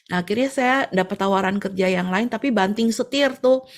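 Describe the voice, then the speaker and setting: A woman lay preacher giving a conversational church teaching, peppering her talk with little fillers and growing lively when she tells personal stories. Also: fairly quick. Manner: conversational, fills with frequent "ya" and "eh"; gets animated and rises in pitch when telling stories.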